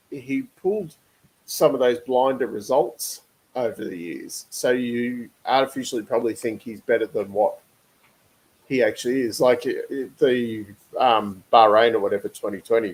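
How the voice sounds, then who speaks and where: A man's voice: mid-range voice, darkish tone, low-quality recording. A young adult man co-hosting a casual motorsport chat, thinking aloud with lots of fillers and restarts. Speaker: podcast co-host.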